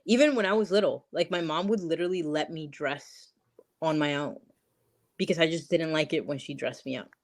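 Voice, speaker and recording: Chatty young woman guest, low voice. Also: brisk. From Peru. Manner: chatty, emphatic, says literally and like a lot. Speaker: podcast guest. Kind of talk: casual interview chat.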